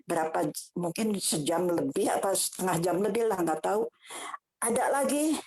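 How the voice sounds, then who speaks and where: An older woman, telling a personal church testimony in an emotional, halting way with many restarts. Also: medium pitch, a little mellow, breathy edge, low-quality recording. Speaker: church member giving testimony.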